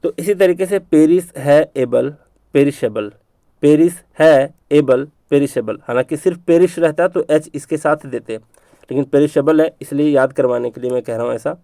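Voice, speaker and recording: A man teaching an exam-prep spelling lesson in a fairly high voice. He stretches words out slowly, repeats them again and again, and keeps checking that his students are following. The recording is close and dry, with no room sound. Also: warm tone, no echo.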